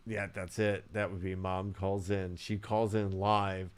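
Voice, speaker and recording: A man co-hosting a casual talk show, rambling with lots of fillers and loudly hyping the next segment. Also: deep voice, level tone, a little slow. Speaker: podcast co-host. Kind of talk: casual chat.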